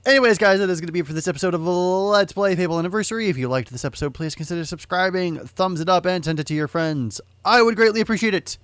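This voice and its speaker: A man talks through a video game as he plays it, in a casual let's-play commentary. He is blunt, swears freely and exclaims at the action. His voice sits a little higher than most men's. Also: fast talker, few pauses, fairly bright tone, dry recording.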